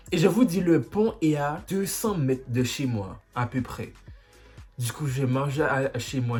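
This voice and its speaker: A man vlogger telling a story, animated and dramatic with sound effects. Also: medium pitch. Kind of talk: storytime vlog.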